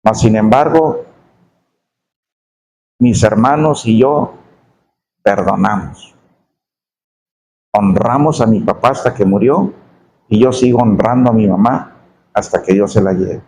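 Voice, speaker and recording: A middle-aged man telling a testimony in a sermon, his voice dropping low and slow on painful memories. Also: darkish tone, a little hiss or hum, rough recording. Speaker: preacher giving testimony.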